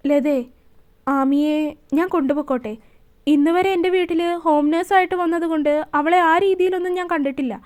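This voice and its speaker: A woman voicing a gentle but firm elderly grandmother, speaking in a calm, measured, motherly way. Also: high voice, close to an everyday voice.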